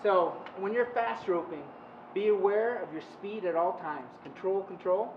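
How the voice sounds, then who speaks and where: A man's voice: high voice, measured pace, reverberant. A man giving an instructional rope-gear demonstration in short, clipped, commanding cues as an instructor. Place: open steel training tower, outdoors. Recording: distant muffled mic, clear outdoor noise.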